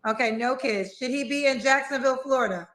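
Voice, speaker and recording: Brisk high-voiced woman host. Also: fairly bright tone. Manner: brisk, direct questions. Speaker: dating show host. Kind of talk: interview-style questioning.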